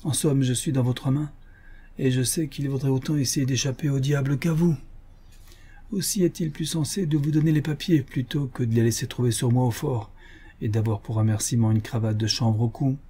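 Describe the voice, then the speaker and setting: A man's voice: medium pitch, steady tone, normal speed, mellow, slightly rough, close to an everyday voice. A man voicing a cornered, ashamed male spy in an audiobook, grumbling in a sour-sweet tone. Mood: rueful.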